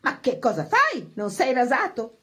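A woman's voice: wildly swooping pitch, measured pace, fairly bright tone, heavily acted. Woman playing a frantic snobbish mother. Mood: frantic fretting. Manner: shrill, fretful, bossy.

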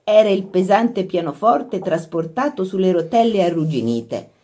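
A woman reading a literary short story aloud as narrator, in an expressive storytelling manner. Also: lowish voice, normal speed. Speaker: audiobook narrator.

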